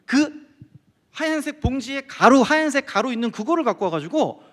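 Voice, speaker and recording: Middle-aged man, high lively voice, testimony sermon, reverberant church hall. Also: moderate pace. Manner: animated storytelling, acting out quoted friends. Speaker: guest speaker. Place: church sanctuary.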